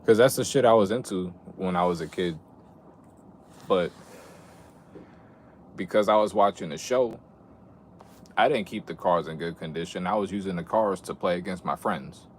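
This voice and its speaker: A man's voice: low voice, moderate pace, pauses often. A young adult man chatting casually on a livestream, reminiscing in a laid-back, slangy, rambling way with some swearing. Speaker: streamer. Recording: clear background noise.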